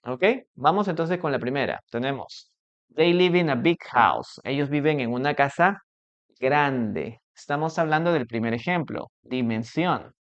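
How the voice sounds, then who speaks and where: Man, unhurried delivery, smooth voice, muffled lo-fi stream audio, patient repetitive teacher. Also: mid-range voice, fairly bright tone. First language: Spanish. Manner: patient, repetitive, checks understanding with frequent "okay?". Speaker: English teacher. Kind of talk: live online English lesson.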